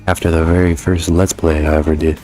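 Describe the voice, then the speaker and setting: A gaming YouTuber, a young man with a low, mellow voice, delivers an informal game review at a fairly quick pace and a level tone. His loose commentary is peppered with swearing, and faint music plays behind him.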